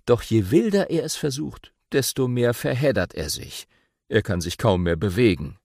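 A man reading a children's audiobook aloud with expressive, playful storytelling. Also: medium pitch, moderate pace, gravelly, no room sound, clean studio sound. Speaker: audiobook narrator.

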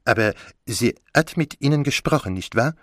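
A man voicing a courteous, self-assured elderly Belgian detective in an audiobook, speaking deliberately. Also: mid-range voice, animated, fairly bright tone, no echo, clean studio sound, voice pushed up, natural voice. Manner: measured, polite, deliberate. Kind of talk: audiobook character voice.

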